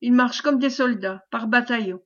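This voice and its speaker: A woman's voice: a little high, normal speed, fairly bright tone, highs cut off, natural voice. Urgent male messenger, read by a woman. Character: breathless male messenger bringing alarming news.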